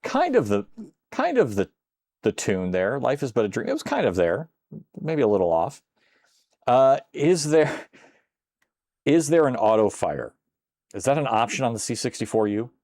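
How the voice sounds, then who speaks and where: Animated older man streaming a retro game. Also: medium pitch, a little slow, pauses often, no room sound. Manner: chatty, exclaims loudly at close calls, greets chat viewers. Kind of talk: casual live-stream gameplay commentary.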